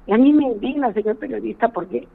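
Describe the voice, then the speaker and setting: Over a tinny radio phone line, a middle-aged caller tells her story of grievance, indignant and pleading. Her voice is a little high and creaky, and she talks at a quick pace.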